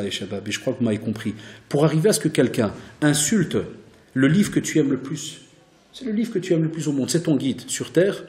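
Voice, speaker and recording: A man who teaches religion, giving an animated religious lecture full of stories and Arabic religious phrases. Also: medium pitch. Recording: roomy hall reverb.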